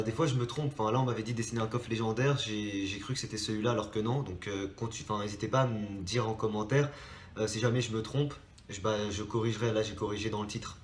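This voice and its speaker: Recorded in a reverberant space with slight background noise, this young Frenchman speaks in a lowish voice to the subscribers of his drawing channel. He has a cold and a stuffy nose, and his casual talk meanders through many hesitations and restarts.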